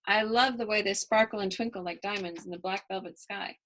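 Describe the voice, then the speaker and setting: A woman with a medium-pitched, slightly bright voice reads a children's picture book expressively, her tone steady and her pace a little quick. She breaks off now and then for chatty asides to the young listeners.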